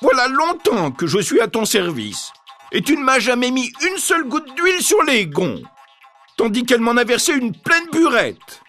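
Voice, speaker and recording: Man voicing a talking gate, high, resentful, storybook. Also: huge pitch swings, moderate pace, pushed and bright, faint music behind, full character voice. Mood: reproachful. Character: old creaking wooden gate, resentful.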